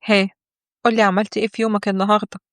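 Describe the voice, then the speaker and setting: A weary young wife and doctor, as a woman narrator plays her in an Egyptian audio story, talking fast and pleading. The voice sits at a middle pitch, and the recording is dry and close. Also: flat delivery, no echo, natural voice. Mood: puzzled. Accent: Egyptian Arabic.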